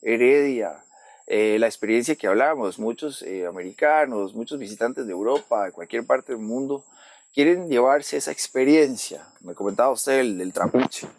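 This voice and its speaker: A man's voice: medium pitch, lively intonation, normal speed, a little mellow, a little hiss or hum. A man with a Costa Rican accent hosting a casual podcast conversation, often checking for agreement with little tag questions. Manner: frequent "¿verdad?" tags seeking agreement. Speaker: podcast host.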